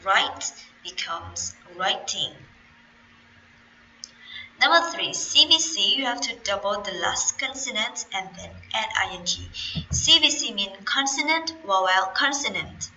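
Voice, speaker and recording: A woman's voice: medium pitch, expressive, measured pace, pushed and bright, a little hiss or hum, rough recording. A young woman with a Khmer accent teaching an English grammar lesson, patiently spelling out letters and explaining rules step by step. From Cambodia.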